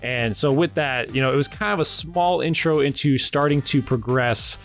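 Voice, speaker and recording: A man's voice: medium pitch, moderate pace, fairly bright tone, soft background music. A man hosting his animation channel, giving casual, informal and rambling commentary on how he makes his videos. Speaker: animation channel creator and host.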